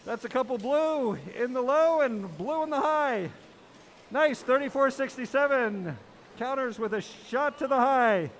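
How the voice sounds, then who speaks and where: A man calling a robotics match live as announcer, excitable and full of exclamations. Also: extremely high pitch, unhurried, slight background noise. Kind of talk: live play-by-play commentary.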